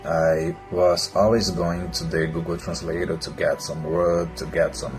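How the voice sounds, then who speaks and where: A man with a very low voice and as his gives a relaxed, plain testimonial, tossing in "you know." Faint guitar music plays under him. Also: takes it slowly. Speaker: student giving a testimonial. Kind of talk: recorded testimonial.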